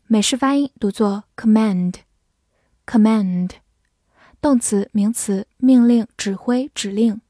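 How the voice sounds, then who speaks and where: A woman teaching English words in a scripted lesson, spelling them letter by letter and reading example sentences slowly for the listener to repeat. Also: a little high, dark tone, dry recording, clean studio sound.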